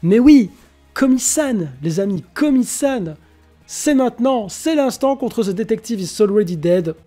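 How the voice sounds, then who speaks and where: Excitable young man streaming. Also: sits high, a little slow, faint music behind. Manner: excitable, slangy, mixes English exclamations. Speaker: streamer hosting an anime vote tournament. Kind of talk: casual live-stream commentary.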